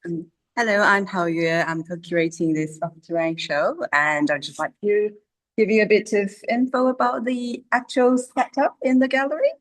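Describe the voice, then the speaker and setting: Indoors in a gallery, a woman acting as curator explains the exhibits in an informal interview, speaking hesitantly with non-native English phrasing. Her medium-pitched voice is steady and moderately paced. The recording is rough.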